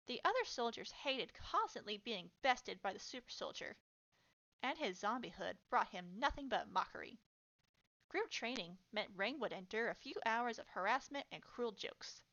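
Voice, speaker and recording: Woman narrator reading fanfiction, slightly high, bright voice, lo-fi recording. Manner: steady storytelling narration. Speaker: fanfiction reader.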